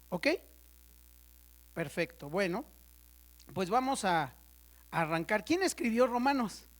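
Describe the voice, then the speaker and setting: A woman leads a Bible study in a church classroom. She keeps things conversational, tossing quick questions to the class and joking with them. When a term matters, she slows right down and spells it out for note-takers. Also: mid-range voice. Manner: conversational, checks in with the class often; playful asides, spells out terms slowly for note-takers.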